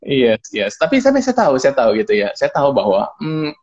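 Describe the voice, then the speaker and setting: A man telling a personal story in casual chat, animated and acting out both sides of the dialogue. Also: fairly quick, lo-fi sound, crowd noise. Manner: animated, acts out both sides of dialogue with big pitch jumps. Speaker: guest speaker, deacon. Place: home, live social media broadcast.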